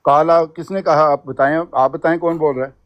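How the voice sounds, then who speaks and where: A man's voice: fairly high pitch, steady tone, highs cut off. A man in a heated religious debate, reciting verses and pushing back with questions. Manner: measured, pushes back with questions.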